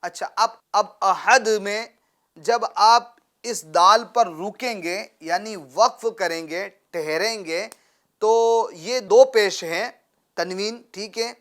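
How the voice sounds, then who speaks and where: A man patiently teaches a child Quran recitation in call-and-response style, posing questions, having the pupil repeat after him, and praising often. His voice is high and a bit bright.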